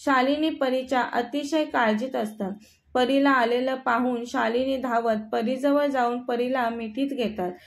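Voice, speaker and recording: High-voiced woman narrating a story. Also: fairly even intonation, unhurried, creaky.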